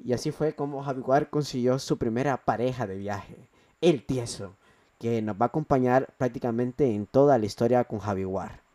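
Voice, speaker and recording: Laid-back male narrator, mellow voice, dry recording. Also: medium pitch, normal speed, no echo. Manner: plain, conversational storytelling. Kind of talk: casual story narration.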